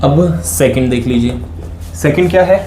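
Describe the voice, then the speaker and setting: A man's voice: fairly high pitch, unhurried, mellow, roomy sound, a little hiss or hum. A man teaching maths in a chatty, repetitive classroom style, checking in often with his students. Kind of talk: classroom lesson explaining step by step.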